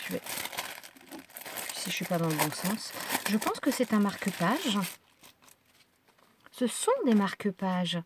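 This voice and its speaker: A woman's voice: mid-range voice, animated, slow, long pauses, heavy background noise. A woman with a French accent chatting casually while unboxing crafts, hesitant with many fillers and restarts. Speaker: crafting vlogger.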